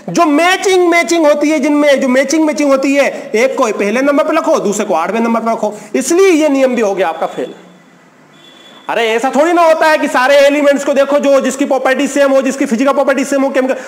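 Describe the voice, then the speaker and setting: A man teaching a chemistry class in a colloquial lecture, asking rhetorical questions, answering them himself, and counting aloud for emphasis. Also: very high-pitched.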